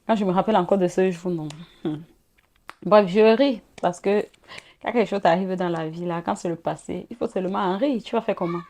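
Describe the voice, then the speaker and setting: A woman, telling a personal story in a lively, chatty way and often laughing and speaking straight to her viewers. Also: lowish voice, fairly quick. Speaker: vlogger. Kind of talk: casual storytime chat.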